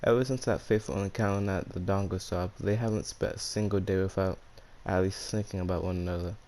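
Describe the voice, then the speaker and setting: A man's voice: low-pitched, steady tone, a little fast, a little mellow. A man with a speech impediment that turns his R's into W's, hosting and narrating fan fiction in a casual, slangy way. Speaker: YouTube storyteller and channel host.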